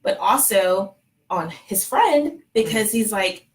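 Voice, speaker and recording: A Texan woman tells her story in a relaxed live chat, her voice sitting at an ordinary middle pitch. She talks in a chatty, storytelling way and laughs easily, keeping the tone light. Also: slow, low-quality recording. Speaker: fertility clinic staffer sharing her story. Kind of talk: casual chat on a live stream.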